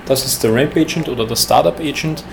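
A man with an Austrian accent giving measured, explanatory interview answers as a ground handling manager. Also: a little high, gravelly, noisy background.

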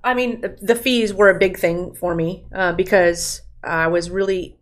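Female podcast co-host, lower pitch, chatty and upbeat. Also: steady tone. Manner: chatty, enthusiastic, quick to laugh. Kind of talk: casual chat.

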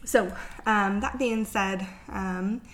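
A woman talks casually to her podcast listeners as a veterinarian. She is ill and sounds drained, nearly hungover. Her medium-pitched voice moves along haltingly in a weary, informal way. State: sick with flu-like illness, worn out. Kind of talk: casual solo podcast talk.

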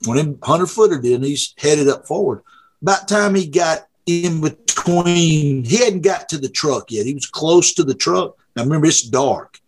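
A man's voice: on the high side, moderate pace, few pauses, darkish tone, breathy edge. A middle-aged man, a drag racer guest telling a folksy, rambling story with laughs. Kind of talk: casual storytelling.

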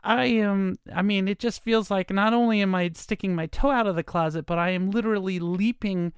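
Her voice sits in the mid range, brisk and clear with a resonant tone, and the studio-quality recording has no room sound. She's a woman in her fifties hosting a casual solo podcast, rambling hesitantly with frequent fillers, making jokes at her own expense, and sounding a bit nasal from allergy congestion.

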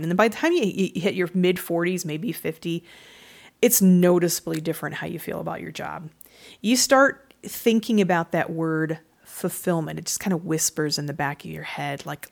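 A woman in her forties from Michigan hosting a casual solo podcast, frank and self-deprecating, swearing freely. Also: fairly low pitch. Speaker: podcast host and author.

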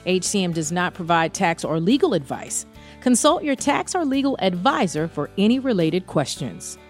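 A woman reads a scripted legal disclaimer in a formal, measured announcer's delivery. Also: medium pitch.

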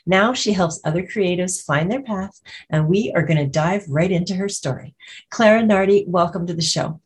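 A woman's voice: fairly low pitch, normal speed, breathy edge. A woman hosting a podcast and interviewing a guest in an upbeat, enthusiastic way. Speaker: podcast host.

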